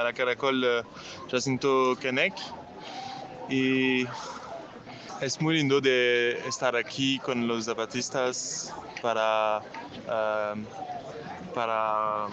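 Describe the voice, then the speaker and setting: Slow, halting non-native Spanish speaker, a man. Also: mid-range voice. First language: not Spanish. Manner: halting, searching for words. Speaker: documentary maker. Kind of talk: vox-pop interview. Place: outdoor community gathering. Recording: outdoor field recording with crowd.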